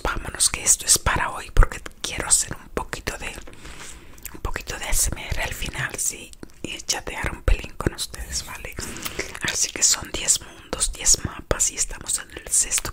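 On a playful ASMR live stream, a woman whispers close to the microphone, affectionately greeting chat viewers and softly repeating words.

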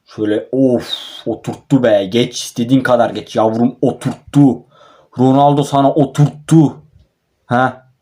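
A man's voice: medium pitch, fairly even intonation, a little slow, mellow. A young man commentating his own mobile football match, frustrated and swearing at his players. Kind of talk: live gameplay commentary.

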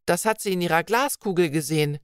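A woman voicing a shy, timid young maiden in a storybook reading, speaking softly and politely in old-fashioned phrases. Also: on the low side, fast, clear, resonant tone, no room sound, clean studio sound, close to an everyday voice. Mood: fearful.

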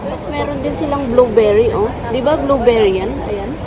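A woman's voice: a little high, moderate pace. A woman vlogger narrating a casual walking tour through a city street market, chatting to her viewers as she goes. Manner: chatty, keeps addressing viewers as guys. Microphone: handheld phone camera while walking. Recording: loud street traffic noise. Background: traffic and city street sounds.

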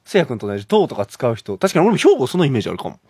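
A young man with an Osaka Kansai accent, joking and teasing his co-host in a radio studio. His voice is a little husky, and his pitch jumps around a lot. He talks quickly, and the close, dry sound carries no room echo. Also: sing-song, darkish tone. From Osaka, Japan. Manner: playful, teasing, reads listener letters. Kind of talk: casual radio chat.

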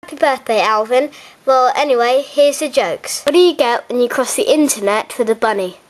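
A woman's voice: fairly high pitch, normal speed. A young woman casually presenting a homemade toy puppet show. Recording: noisy amateur camera recording.

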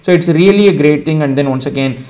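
A man with an Indian accent hosting a casual coding tutorial, explaining each step in a relaxed way with frequent ums and uhs. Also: on the high side, quick pace. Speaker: tutorial host.

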